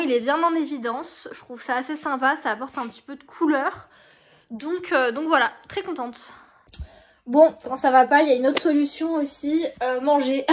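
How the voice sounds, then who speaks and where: Young French woman, high voice, chatty at-home vlogger, upbeat and full of fillers. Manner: chatty, enthusiastic, filler-heavy. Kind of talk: casual chatty vlog. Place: her apartment.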